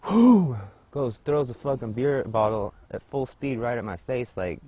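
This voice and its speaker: A man's voice: medium pitch, normal speed, darkish tone. Man vividly retelling a street story. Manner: vivid retelling with quoted dialogue and cussing. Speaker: interviewee. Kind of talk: casual storytelling. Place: outdoors by a creek in a park.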